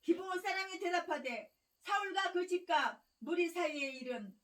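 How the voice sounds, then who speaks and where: A woman's voice: very high voice, animated, normal speed, a bit bright, distant mic. A woman pastor preaching a sermon in a fiery, scolding way, hammering on repeated phrases and breaking into harsh, angry rants. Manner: harsh angry ranting with insults.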